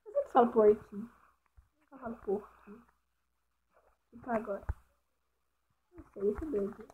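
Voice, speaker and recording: Mineira woman hosting a gaming channel, higher voice, chatty play-by-play, tinny lo-fi mic. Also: lively intonation, moderate pace, slightly rough. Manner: chatty, talks to the animals and viewers as she plays. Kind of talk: casual Minecraft gameplay commentary. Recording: tinny lo-fi mic with faint hiss.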